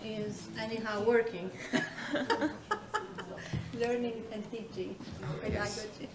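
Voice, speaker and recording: A woman facilitating a student event, prompting the speakers slowly. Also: medium pitch, steady tone. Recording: echoey auditorium, distant mic, noisy.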